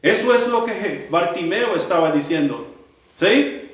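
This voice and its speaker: A man's voice: high voice, animated, a little slow, a little hiss or hum. A man preaching a sermon to his congregation, asking rhetorical questions and acting out the cries of the people in the story. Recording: echoey hall, voice from far off the mic.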